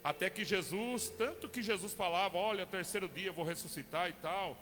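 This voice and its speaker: A Brazilian man in middle age is preaching, and his high voice rings with a bright, forceful edge. He moves between easy, conversational questions to the congregation and fervent, shouted declarations. A long church-hall reverb trails each phrase, and faint music sits underneath. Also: moderate pace. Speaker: pastor. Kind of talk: sermon.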